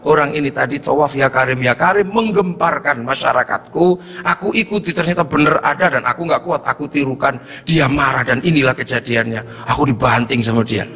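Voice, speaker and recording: A man voicing a calm, gentle older holy man who explains things mildly. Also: medium pitch, fairly quick, husky, big-room sound, voice pushed down. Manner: mild and explaining.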